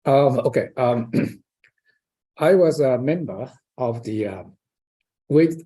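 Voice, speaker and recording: Older Japanese-accented professor, interviewee; halting delivery, slightly husky tone. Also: male voice, medium pitch, animated, mellow. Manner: hesitant, many fillers and restarts. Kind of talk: conversational interview.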